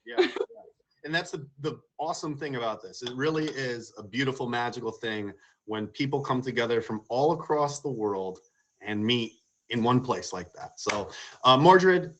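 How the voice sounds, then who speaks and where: A man with a medium-pitched voice hosting a casual interview show. He is complimentary and chatty, and takes a roundabout path into each question. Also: a bit bright.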